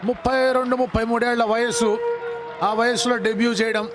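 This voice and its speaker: High-voiced Indian man commentating cricket in Telugu. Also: flat delivery, fast, over music. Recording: live broadcast with noisy stadium crowd. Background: cricket crowd noise.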